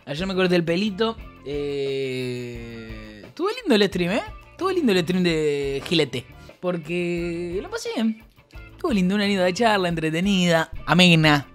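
A man from Argentina with a Rioplatense accent, telling stories in casual chat, switching between loud mock-tough outbursts and low asides. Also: very animated, unhurried, faint music behind. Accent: Rioplatense Spanish. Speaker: streamer and radio host.

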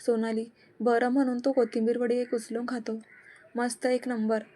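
A woman narrating a serialized love story and reading all the characters' dialogue in one steady voice. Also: fairly high pitch, moderate pace.

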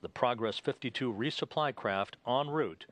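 A man giving live spaceflight broadcast commentary as a mission control commentator, in a measured, halting official delivery. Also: mid-range voice, fairly bright tone.

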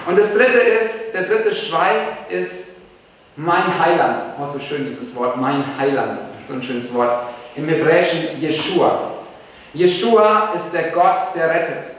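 A man's voice: high voice, a bit bright. A German man preaching a sermon as pastor, earnest and emphatic, repeating key phrases. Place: church hall. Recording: echoey hall, voice from far off.

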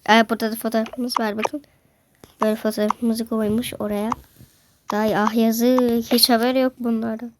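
A woman with a slightly high voice chats through a prank vlog, slipping into whispers when she lets viewers in on her plans. The recording is noisy, with steady hiss and clicks behind her voice. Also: moderate pace. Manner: addresses viewers as friends, often drops to a whisper. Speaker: prank vlogger. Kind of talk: casual vlog narration with whispered asides to viewers.

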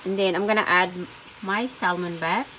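A cooking channel host narrates each step at the stove in a casual home cooking demonstration, addressing her viewers as "everyone." Her mid-range voice moves at a moderate pace. The low-quality recording from her home kitchen carries slight background noise and loud frying and sizzling from the pan.

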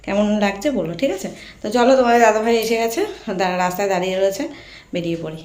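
A woman's voice: mid-range voice, fast talker, darkish tone. Chatty Bengali woman vlogging at home. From India. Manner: chatty, addresses viewers directly with fillers. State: slightly hoarse with a sore throat. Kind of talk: casual vlog chat to viewers. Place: at home, in and out of doors.

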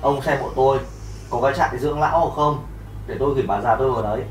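An actor playing a tired young husband and son, blunt and fed up. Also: male voice, mid-range voice, fast talker, close to an everyday voice. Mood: weary. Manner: blunt and tired, then contrite. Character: weary son and husband, gives up his mother, repents. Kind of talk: melodrama acting. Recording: roomy, distant mic, music behind.

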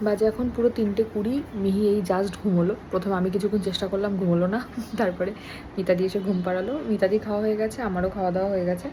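A woman's voice: steady tone, racing, background noise. A young woman, chatting casually to camera in a home vlog. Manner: chatty, switches into high sing-song baby talk with her daughter. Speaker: vlogger.

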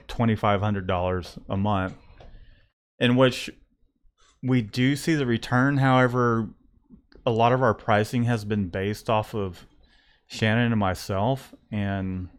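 A screen printing shop owner in his thirties, who also hosts a podcast, chats casually about his business in a small print shop room. His fairly low voice is captured by a close studio condenser mic, and he wears headphones while he rambles, thinks aloud and often restarts.

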